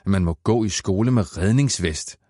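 A man's voice: low voice, mellow, dry recording, clean studio sound. A man reading aloud and voicing a sulky, anxious schoolboy who mumbles and then insists. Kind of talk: audiobook character voice.

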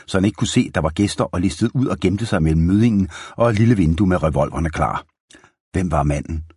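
Deep husky man reading a story. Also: no room sound, clean studio sound. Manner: calm, steady reading, dramatic drops. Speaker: narrator.

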